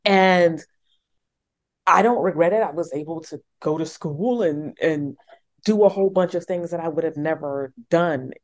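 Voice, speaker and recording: A woman's voice: sits low, moderate pace. A woman from New York with a faint New York accent, interviewing a guest in casual conversation. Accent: New York, switched off.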